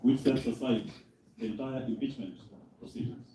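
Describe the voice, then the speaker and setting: A Kenyan man making a formal legal submission to an assembly's speaker, halting yet insistent. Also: medium pitch, fairly even intonation, warm tone. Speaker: lawyer addressing the assembly's speaker. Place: legislative assembly chamber. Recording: dull echoey chamber, distant mic, faint noise.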